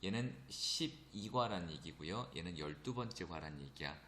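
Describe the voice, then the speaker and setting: A man teaching an English grammar lecture, often checking in with his students and reading the English examples slowly. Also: sits low, expressive, sharp tone. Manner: addresses students often, frequent "그죠?" check-ins. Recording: echoey room with faint noise.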